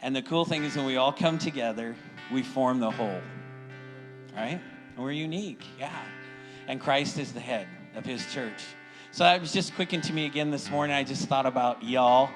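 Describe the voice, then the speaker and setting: Over music, a middle-aged American man with a medium-pitched voice speaks at normal speed as a church pastor welcoming his congregation. His informal sermon and announcements are folksy and encouraging, and he often checks in with the people.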